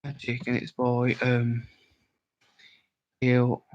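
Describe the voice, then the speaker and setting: The recording is muffled, and the young man's mid-range voice comes out completely flat and extremely slow. A drunk livestream host from Worcestershire, England with a West Midlands accent, he rambles casually with viewers and answers their comments out loud.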